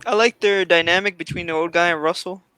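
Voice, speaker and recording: A man's voice: sits high, steady tone, fast, bright, forceful tone, clear, resonant tone, no echo. A man in a casual group chat who rambles and restarts his sentences often.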